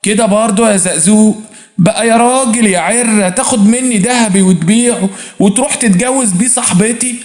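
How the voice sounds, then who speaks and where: A man with an Egyptian accent voicing a furious young working-class woman who shouts insults. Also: sits high, fairly quick, pitched above the performer's own voice, close to an everyday voice. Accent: Egyptian Arabic. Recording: roomy echo.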